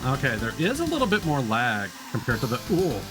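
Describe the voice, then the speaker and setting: Over background music, a man with a medium-pitched voice that swoops wildly up and down talks a little fast. He streams video games and commentates through a headset mic, casually poking fun at himself as he thinks aloud.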